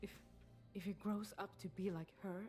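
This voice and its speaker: A woman's voice: mid-range voice, fairly even intonation, moderate pace, darkish tone, soft background music, close to an everyday voice. A woman playing an anxious, pleading mother of a difficult child in a video game drama. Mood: distressed.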